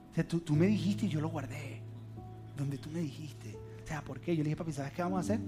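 Earnest pastor, soft guitar behind. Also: male voice. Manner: earnest, confiding, drops to soft low tones. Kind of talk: sermon. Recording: music playing behind.

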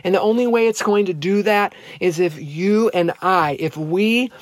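A man preaching a sermon as pastor, earnest and emphatic, slowing down to stress key words and repeating phrases for effect. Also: sits high, no echo.

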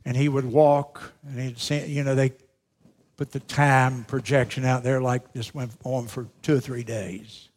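A middle-aged male pastor preaching a sermon, swinging between loud, emphatic lines and hushed, slowed-down phrases. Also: medium pitch, flat delivery. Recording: long reverb of a large hall.

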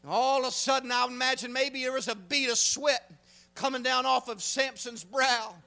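A preacher man, delivering a folksy sermon that swings from hushed talk to shouting. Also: very high voice, steady tone, vocal fry. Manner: fervent, swings from hushed to shouting, drawn-out emphasis; folksy, frequent "uh" fillers.

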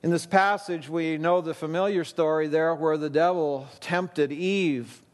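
A man's voice: a little high, fairly even intonation, unhurried, long reverb tail. A man in his fifties, a pastor, delivering a conversational sermon at a pulpit microphone in a church, with easy asides.

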